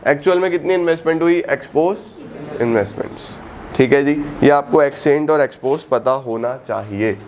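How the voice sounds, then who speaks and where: This economics teacher, heard in a recorded classroom lecture, has a fairly high, slightly mellow voice. He blends Hindi with English terms, asks his students questions only to answer them himself, draws out key words slowly and addresses them as "beta".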